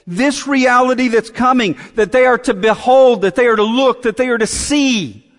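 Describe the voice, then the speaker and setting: A man preaching a sermon, slow and emphatic, repeating phrases for weight. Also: extremely high pitch, a bit bright, long reverb tail.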